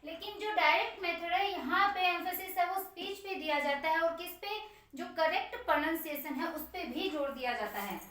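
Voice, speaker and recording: A woman teacher giving an exam-prep lecture, explaining step by step and dictating key points slowly word by word. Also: extremely high pitch, fairly bright tone. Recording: very echoey room, voice from a distance.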